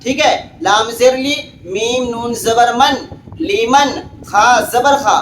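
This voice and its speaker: A man teaching Quran reading, spelling each word out letter by letter and reciting it slowly. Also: extremely high pitch, a bit bright. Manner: slow drawn-out recitation between quick explanations. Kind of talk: spelling out Quranic words for learners. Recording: echoey room with faint background hiss.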